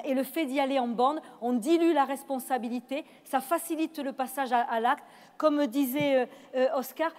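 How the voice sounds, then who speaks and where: A woman moderating a panel discussion, measured and reflective, with some hesitant restarts. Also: high-pitched, darkish tone. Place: event hall. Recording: long reverb of a hall.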